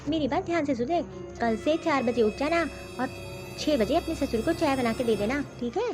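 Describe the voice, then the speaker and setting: A woman's voice: high voice, normal speed, music in the background, natural voice. A woman voicing a bossy, taunting middle-aged mother-in-law in a cartoon story. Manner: scolding, taunting.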